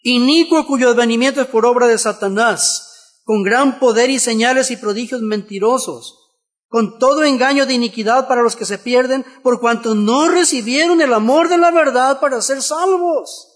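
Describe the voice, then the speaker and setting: A man's voice: extremely high pitch, moderate pace. A man preaching a sermon in church, repeating phrases for emphasis and asking rhetorical questions.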